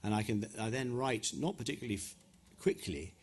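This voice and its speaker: This middle-aged man from Ghana or Nigeria is an author taking audience questions at a live event venue. He has a husky, mid-range voice and talks fairly quickly, yet answers in a thoughtful, hesitant way with many restarts.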